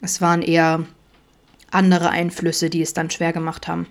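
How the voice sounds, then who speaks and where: An audiobook voice of a caring, awkward father, as a woman reads him. He talks softly and stammers when the topic gets uncomfortable. The delivery sits a little low. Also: completely flat delivery, moderate pace, lightly acted. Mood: reflective. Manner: gentle, stammering. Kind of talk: audiobook reading.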